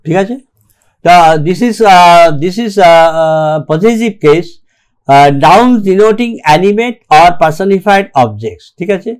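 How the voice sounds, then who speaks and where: A man teaching English grammar in a recorded lecture, reading rules aloud slowly and keeping checking that the class follows. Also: high voice, lively intonation, clean tone. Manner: slow and deliberate, reads English rules aloud, keeps checking "ঠিক আছে?".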